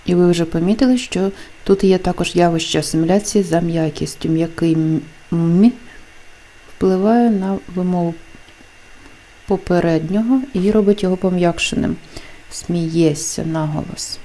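A woman teacher explaining pronunciation rules in a deliberate lesson, carefully enunciating example words. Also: lowish voice, mellow. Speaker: language teacher.

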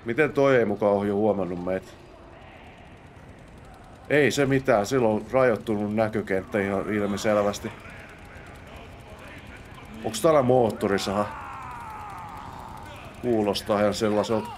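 A young man from Finland gives loose commentary while he plays, muttering his thoughts and breaking into sudden exclamations. His voice sits low. Faint background noise runs behind him. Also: long pauses. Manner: mutters to himself, bursts into exclamations in fights. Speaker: let's play host. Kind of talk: casual gameplay commentary.

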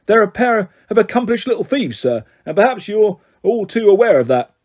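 A man's voice: high-pitched, very animated, normal speed, darkish tone, pitched above the performer's own voice. A man doing a sneering hostile policeman. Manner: sneering, accusing.

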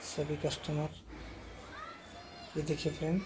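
A man with a fairly high, completely flat voice speaks slowly as he films a casual phone tour of a big shopping mall, both outdoors and indoors. He keeps repeating himself and addressing viewers as friends. Background noise runs throughout.

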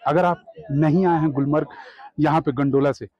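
A man in his forties talks casually to the camera on an open mountain meadow, showing viewers around. His voice sits a little high. The camera audio is a bit dull and lo-fi. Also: steady tone, normal speed. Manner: chatty, pointing things out to viewers. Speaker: travel vlogger. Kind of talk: casual travel vlog.

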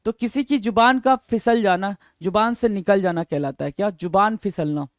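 A man teaching English vocabulary in a Hindi-English lesson, repeating each term and quizzing his listeners, drawing out the English words slowly. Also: high-pitched, lively intonation, no echo.

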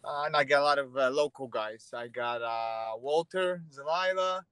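This man's voice is smooth and medium-pitched at a moderate pace, with no room sound. He is a Polish fighter in his thirties, speaking his native Polish casually in a video-call interview and using many fillers and restarts. He's in his parked car, phone held at arm's length.

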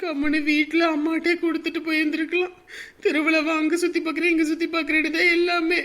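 Woman as a worried young mom, tearful, very high voice, pleading. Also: flat delivery, fast talker, fairly bright tone. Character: young tearful mother worried about her baby.

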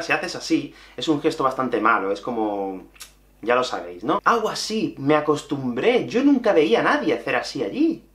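A young man from Andalusia with an Andalusian Spanish accent, teaching a lively video lesson and stressing his points with repetition. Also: a little high, reverberant. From Andalusia, Spain. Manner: animated and emphatic, repeating key points.

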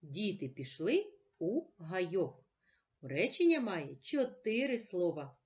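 A woman teaches a reading lesson to young children in a slow, deliberate way. Her pitch rises and falls a great deal, and her voice sits a little low. She asks patient questions and then answers them herself. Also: big pitch swings, darkish tone. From Ukraine.

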